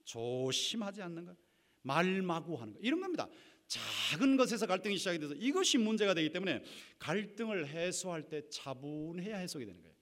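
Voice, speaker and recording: A man preaching a sermon to his congregation, acting out quarrelling spouses and swinging between loud bursts and near-whispers. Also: high-pitched, sing-song, a little fast. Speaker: pastor. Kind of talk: sermon on marriage conflict.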